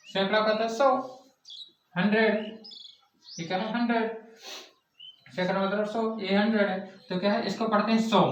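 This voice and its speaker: A male teacher drilling a math lesson, asking questions and answering them himself in a repetitive classroom style. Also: high-pitched. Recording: echoey distant lo-fi classroom recording.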